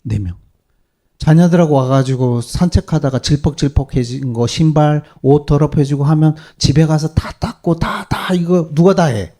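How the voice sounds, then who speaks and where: A male pastor preaching a sermon to his congregation, animated and peppering them with rhetorical questions. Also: on the high side, normal speed. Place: church service.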